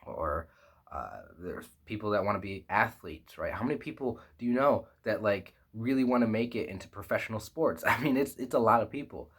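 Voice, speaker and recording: Talking fairly quickly and expressively, this man's low-leaning voice is a bit bright with a breathy edge. At twenty-five, he records a candid personal vlog on a close-range phone camera in a small foam-lined room, rambling reflectively with many fillers and restarts.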